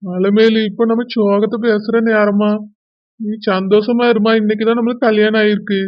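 A woman's voice: medium pitch, flat delivery, moderate pace, no echo, muffled recording, natural voice. A woman voicing a young village husband with a Kanyakumari accent, pleading and blaming himself in a village drama. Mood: reassuring. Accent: Kanyakumari Tamil. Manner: pleading, self-blaming lament. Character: young village man, remorseful, tender to wife.

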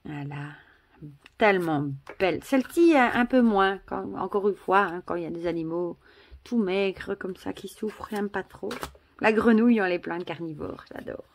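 A woman's voice: mid-range voice, lively intonation, normal speed, slight background noise. Gushing Belgian woman vlogger. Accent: Belgian French. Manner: gushing, chatty, many exclamations and asides. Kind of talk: casual vlog, showing cards to camera.

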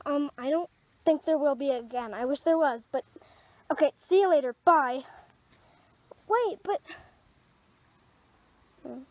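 A woman voicing a young female rabbit who is lovestruck and sulky, speaking softly in a drawn-out, girlish way in a hobby toy-animal drama. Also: high-pitched, dry recording, lo-fi sound. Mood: dreamy, flustered.

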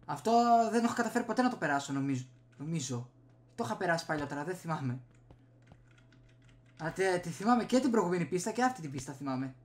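A young gaming streamer sits in a small room at home, muttering over his gameplay and reacting in short bursts into a desk USB microphone. His casual voice runs on the high side and sing-song, broken by long pauses.

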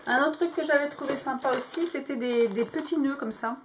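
A woman's voice: high-pitched, a little fast, a little hiss or hum. A woman vlogging in French, casually showing crafting dies with lots of hesitant fillers. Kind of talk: casual show-and-tell.

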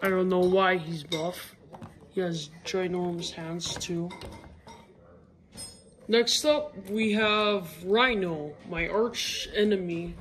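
Slowed-down deep female toy reviewer. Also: fairly even intonation, slight background noise. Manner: drawn-out, sluggish delivery. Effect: slowed-down playback, pitched deeper. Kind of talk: casual toy show-and-tell.

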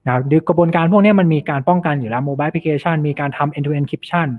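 A man with a fairly high pitch talks fairly quickly in an informal online meetup, where, as a cybersecurity specialist, he explains material from his slides and drops in English tech terms. The audio comes through thin, like a phone call.

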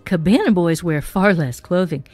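A woman's voice: lowish voice, animated, normal speed, darkish tone, dry recording. A woman voicing a mischievous, quavering, very old woman. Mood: snappy.

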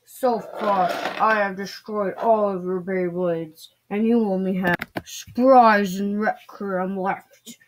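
A boastful male Christmas monster, put on by a woman in a homemade skit. He cackles and gloats, stretching his threats out slowly at a middle pitch. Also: steady tone, background noise, natural voice. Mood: gloating. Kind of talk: playful home-video skit.

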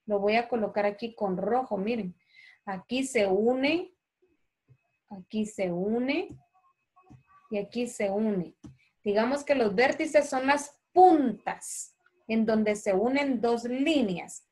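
A woman primary school teacher with a Honduran Spanish accent, teaching a children's online class slowly and clearly and calling the pupils by name. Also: a little high, a little mellow. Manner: patient, slow and clear, calls children by name. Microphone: video call.

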